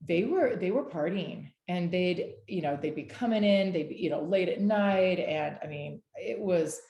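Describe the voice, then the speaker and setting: A woman's voice: fairly low pitch, expressive, moderate pace, roomy sound, lo-fi sound. A woman in her forties leading a discussion over a video call, earnest and rambling, with frequent restarts. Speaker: discussion leader. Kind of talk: casual video-call chat.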